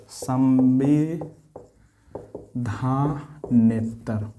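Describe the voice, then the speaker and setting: A man gives an exam-prep lecture, often coughing and clearing his throat, repeating points and quizzing with tag questions. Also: on the high side, darkish tone, slight background noise. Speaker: exam coaching teacher.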